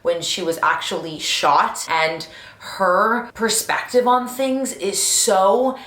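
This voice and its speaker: A woman's voice: medium pitch, steady tone, takes it slowly, fairly bright tone. A young woman in her twenties chatting to camera as a fitness vlogger, bubbly and gushing, with little laughs, at home indoors. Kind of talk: casual chat to camera. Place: indoors at home, lit by twinkle lights. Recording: echoey room.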